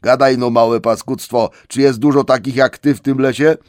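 A man voicing a big, greedy, surly male troll who talks loud and coarse in a storybook reading. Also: mid-range voice, steady tone, moderate pace, no room sound, studio quality, pitched above the performer's own voice, natural voice. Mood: gruff.

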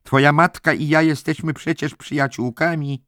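A man's voice: a little high, steady tone, moderate pace, fairly bright tone, no echo, studio quality, voice pushed up, close to an everyday voice. A man voicing a stern, icy middle-aged head nurse who talks in a cold, falsely sweet way. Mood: cloying.

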